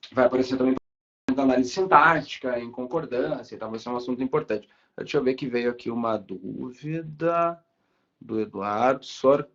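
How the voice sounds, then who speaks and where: A young man teaches an online class, relaxed and chatty, now and then swearing lightly. His voice sits at a middle pitch. It comes through a dull, lo-fi home stream. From Brazil.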